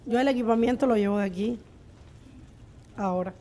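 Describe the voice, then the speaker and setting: A woman from Cuba, speaking with a Cuban accent, talks unscripted as a restaurant owner on a panel of entrepreneurs, telling stories and answering questions. Her voice is mellow, on the high side, and fairly quick.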